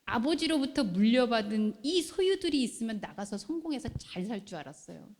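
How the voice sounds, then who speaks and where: A woman pastor preaching a sermon in a lively way, often putting questions to the congregation. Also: a little high, brisk. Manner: animated, asks the congregation questions. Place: church hall. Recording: long hall reverb.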